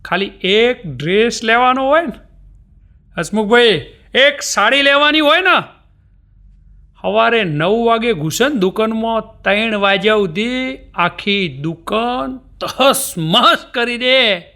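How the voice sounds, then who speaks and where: A man's voice: extremely high pitch, animated, slow pace, sharp tone. A man with a North Gujarat Gujarati accent doing live stand-up, telling jokes and acting out the people in them. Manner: storytelling, acting out wives, maids and bosses in his own voice. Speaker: stand-up comedian.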